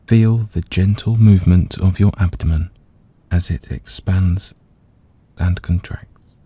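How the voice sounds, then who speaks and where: A man gently and calmly leading a scripted guided meditation, letting his voice soften at the ends of phrases. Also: deep voice, takes it slowly, breathy edge, no echo. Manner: gentle, calm, soothing, hushed at phrase ends.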